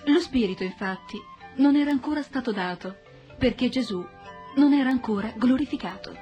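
A woman narrating a Bible passage in a steady, solemn storytelling manner. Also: fairly high pitch, a little fast, dull audio, faint music behind.

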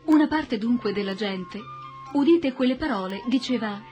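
A woman narrating a Bible passage in a steady, solemn storytelling manner. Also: a little high, moderate pace, highs cut off, faint music behind.

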